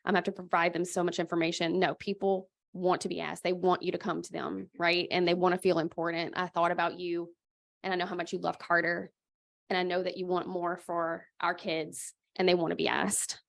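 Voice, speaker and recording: Gravelly, even-toned woman giving frank advice. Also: fairly low pitch, normal speed. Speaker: panel speaker, senior fundraiser. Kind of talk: informal advice to a group.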